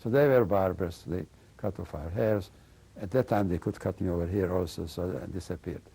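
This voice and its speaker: Older man, gravelly and halting. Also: low-pitched, mellow. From Slovakia and Hungary. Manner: halting, searching for words, frequent "you know". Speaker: interviewee recounting memories. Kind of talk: oral history testimony.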